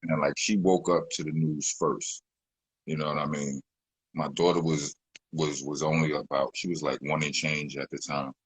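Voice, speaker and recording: Speaking at a moderate pace in a level tone, this deep-voiced male rapper gives a casual interview, wandering with fillers and restarts. His voice is slightly rough, and the recording has no echo.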